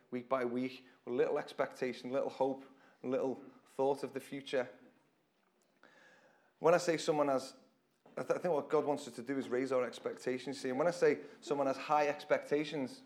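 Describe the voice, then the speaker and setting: Before his congregation in a church hall, a man delivers an informal sermon in a hoarse, croaky, darkish voice pitched in an ordinary middle range. He speaks casually and conversationally, repeating phrases and restarting often.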